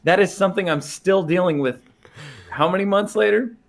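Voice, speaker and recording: A man's voice: sits high, moderate pace, creaky. A man co-hosting a podcast in casual chat, rambling and laughing as he tells a story. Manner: rambling, laughs often, restarts sentences. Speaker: podcast co-host.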